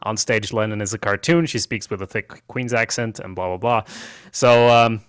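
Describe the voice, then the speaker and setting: A man's voice: lowish voice, fairly even intonation, moderate pace, clear, resonant tone, no echo, studio quality. Joking, swearing male podcast host. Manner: loose, profane, jokey recapping. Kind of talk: casual chat reviewing a TV show.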